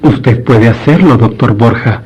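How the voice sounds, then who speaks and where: A man's voice: medium pitch, darkish tone, husky. A man playing a devout, courteous priest in a radio drama, speaking formally and earnestly. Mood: earnest, pious. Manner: formal, measured, pious. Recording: dull lo-fi radio recording.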